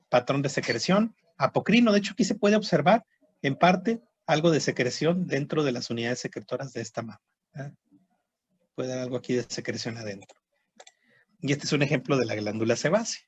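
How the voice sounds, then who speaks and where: A man's voice: a little high, breathy edge, no room sound, highs cut off. A man teaching a histology class online, explaining step by step and checking in with students. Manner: explanatory, repeats terms, frequent "¿sí?" and "¿verdad?" checks.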